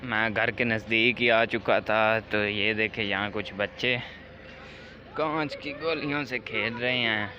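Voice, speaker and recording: In a relaxed vlog, a Pakistani man makes his way down a village lane to a shop, addressing his audience in a chatty way despite a mildly sore throat. He talks unhurriedly in a lowish voice with fairly even intonation, and the audio is dull against a noisy background.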